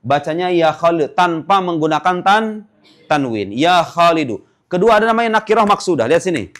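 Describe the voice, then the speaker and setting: Lively man teaching grammar. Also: on the high side. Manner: explains step by step, asking "paham nggak?"; chants Arabic examples slowly, drawn out. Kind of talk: classroom lecture.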